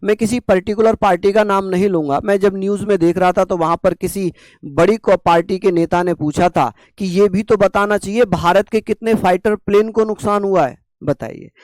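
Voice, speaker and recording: A male teacher with a fairly high, smooth and resonant voice delivers a classroom lecture. He keeps asking rhetorical questions and slowly repeats the key terms. The sound is dry, with no room echo. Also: darkish tone.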